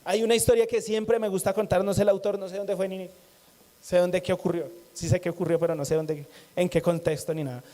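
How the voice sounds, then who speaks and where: High-voiced man preaching warmly. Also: little pitch movement, brisk. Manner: conversational preaching with repetition and jokes to the congregation. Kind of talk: sermon.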